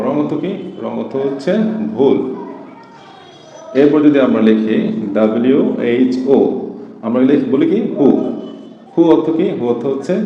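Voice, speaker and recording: A man teaching an English lesson, asking questions and answering them himself. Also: medium pitch. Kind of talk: classroom explanation. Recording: echoey, dull-sounding room.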